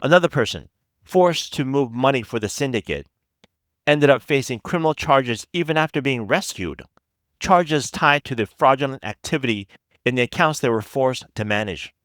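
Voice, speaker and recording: Measured man narrating an investigative podcast. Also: medium pitch, expressive, a bit bright, no echo. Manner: measured, reflective, deliberate emphasis. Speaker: podcast host.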